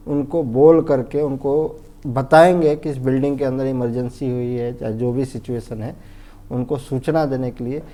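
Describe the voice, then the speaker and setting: A fire safety instructor with an Indian accent gives an informal technical lesson, explaining step by step in a didactic, repetitive manner. He often checks that he's understood and asks himself questions, in a mellow voice on the high side.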